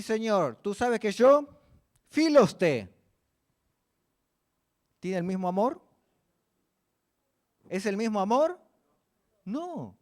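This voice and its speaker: A man's voice: fairly high pitch, a little mellow. A man preaching a church sermon, often asking the congregation questions and answering them himself.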